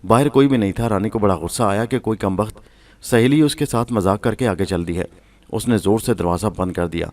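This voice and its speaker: A man's voice: fairly low pitch, darkish tone, recorded from a distance. A man narrating a story from a script and reading every part in his own voice.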